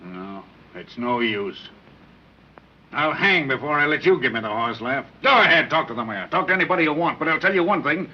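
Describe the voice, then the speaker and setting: An actor playing a slick big-city gangster who bargains with the police in tough street slang. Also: male voice, medium pitch, expressive, brisk, breathy edge. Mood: pushy, pleading. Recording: dull old 1930s film soundtrack, faint hiss.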